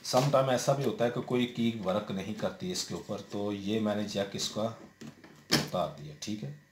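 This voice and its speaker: A man's voice: on the low side, measured pace. A man talking through a hands-on TV repair step by step, with frequent fillers and check-ins. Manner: explains step by step, many fillers and repeated "theek hai". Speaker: TV repair technician. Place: indoor room at a workbench. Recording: roomy echo with faint noise.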